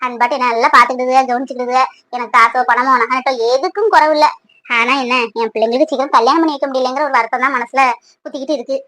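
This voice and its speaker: Woman voicing a middle-aged cartoon mother, pleading, nagging, emotional, high voice, dry close sound. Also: fairly even intonation, rapid-fire, sharp tone, no echo. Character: worried middle-aged village mother of two sons. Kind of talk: cartoon voice acting.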